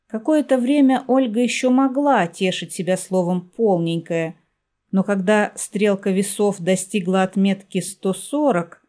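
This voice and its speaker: This audiobook narrator, a woman with a mid-range voice, reads a scripted story aloud in an even, measured storytelling style.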